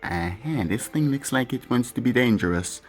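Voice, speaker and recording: Animated and speaking at a normal speed, a man with a medium-pitched voice hosts a gaming channel. He offers candid, wandering commentary as he plays, cursing here and there, while his own music runs quietly underneath.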